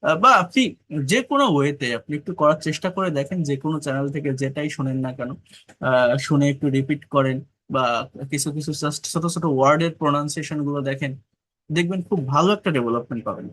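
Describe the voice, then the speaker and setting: A man's voice: a little high, a bit bright. Bengali-man teaching English. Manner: slow, repeats phrases while reading dialogue; brisk coaching with English words mixed into Bengali. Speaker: English tutor. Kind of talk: online English class.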